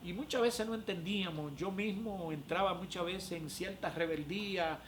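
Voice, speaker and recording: A man, a prophet giving an emotional religious testimony, often pausing with "eh". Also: high voice, a little hiss or hum. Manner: emotional, frequent "eh" fillers.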